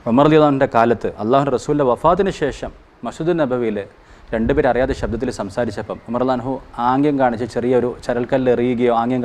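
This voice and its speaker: A man teaching a Qur'an commentary class in an earnest, explanatory way. His pitch sits in the middle of the range for a man. He slows down to chant Arabic verses, then goes back to plain talk, and stops to correct his own slips. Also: a little mellow.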